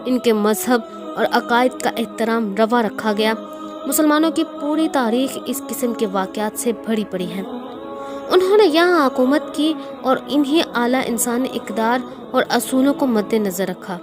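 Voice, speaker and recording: A woman with a slightly high voice and lively intonation narrates a scripted historical speech at normal speed, in a formal, declamatory style. Clear music plays behind her.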